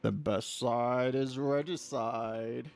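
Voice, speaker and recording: A man's voice: medium pitch, steady tone, slow pace, vocal fry, a little mellow. Man reading game text aloud. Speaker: streamer playing a game.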